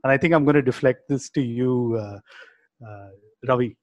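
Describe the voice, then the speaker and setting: A man's voice: mid-range voice, normal speed, a little mellow, muffled recording. A man chatting casually as a podcast co-host. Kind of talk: casual chat.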